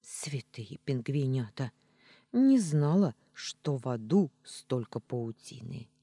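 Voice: mid-range voice, lively intonation, slow pace, warm tone, no room sound, studio quality. An audiobook reader voicing a young woman who meets the afterlife with wry, sardonic remarks. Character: young woman, sardonic and quick-witted newcomer. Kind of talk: audiobook reading.

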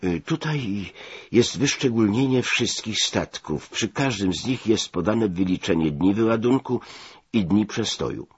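A man doing a calm businesslike lieutenant. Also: lowish voice, a little slow, slightly rough, dry recording, lo-fi sound, pitched above the performer's own voice.

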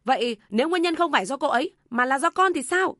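A woman's voice: mid-range voice, measured pace, vocal fry, a little mellow, dry recording, studio quality. Woman reading as a troubled young husband. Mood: angry. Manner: restrained, then raising his voice. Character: young husband torn between mother and wife.

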